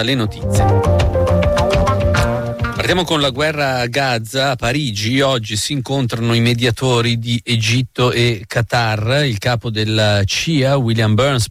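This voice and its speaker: Male radio news anchor, mid-range voice, crisp measured read, dry booth sound. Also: medium pitch, fairly bright tone, dry recording. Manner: brisk, measured newsreading.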